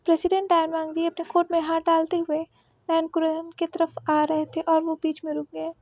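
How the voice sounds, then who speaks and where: A woman narrating a fan fiction story in a steady storytelling manner. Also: extremely high pitch, normal speed, no echo.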